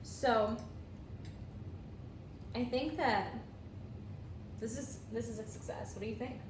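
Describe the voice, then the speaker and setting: A woman's voice: on the high side, slow pace. A woman giving a casual cooking vlog walkthrough from her home kitchen in a friendly, chatty way. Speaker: home cook. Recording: echoey room, voice from a distance, noisy.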